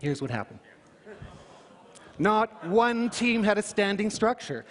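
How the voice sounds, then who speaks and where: A man giving a public talk, telling it in an animated way with emphatic rhetorical questions. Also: high voice, slow pace. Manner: animated storytelling, emphatic question-and-answer delivery. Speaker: conference speaker. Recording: hall reverb.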